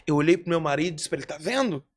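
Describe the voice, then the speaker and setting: A man voicing a distraught woman as she recounts her grief, in a low, subdued retelling. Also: lively intonation, racing. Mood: grieving.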